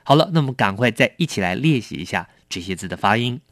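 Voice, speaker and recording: Man teaching English vocabulary, slightly low-voiced. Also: animated, fast talker, dry recording, studio quality. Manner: explains each word, repeating it several times. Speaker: English teacher and program host. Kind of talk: radio English lesson.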